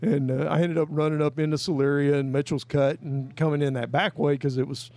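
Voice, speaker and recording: A man's voice: a little high, steady tone, a little fast, darkish tone, no echo. A man, telling a long story in a folksy, rambling way as a guest. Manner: folksy, rambling, with many "I mean" and "you know". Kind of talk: casual storytelling.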